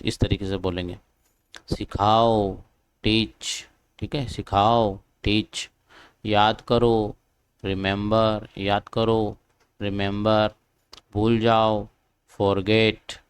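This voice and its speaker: A man teaches a beginners' English class, calling out each Hindi word and then its English match, often twice, with "ठीक है" between them. His voice sits low and stays level and measured. The tone is clean and smooth. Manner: drills word pairs, repeating each with "ठीक है". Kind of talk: spoken English lesson in Hindi.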